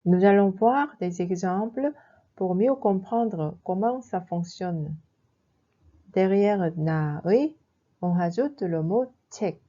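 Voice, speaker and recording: A woman's voice: mid-range voice, slow, dark tone, dull audio. A woman explaining a language lesson in a careful, scripted narration, going through examples one by one. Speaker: language teacher.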